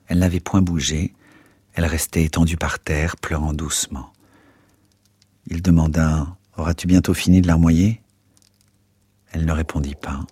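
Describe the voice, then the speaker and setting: A man hosting a radio reading, telling a novel aloud in a measured, theatrical way. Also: a bass voice, a little mellow, husky, dry recording, studio quality. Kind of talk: dramatic literary reading.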